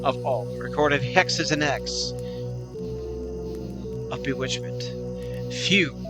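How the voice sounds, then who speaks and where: A man putting on a grand epic-announcer voice to narrate a pirate legend like a storybook, slow and theatrical. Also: on the high side. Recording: clear music behind the voice.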